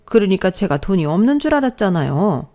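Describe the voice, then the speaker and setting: A woman's voice: mid-range voice, very animated, brisk, mellow. A woman voicing a snobbish older mother-in-law who talks in a haughty, shrieking way. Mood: whiny.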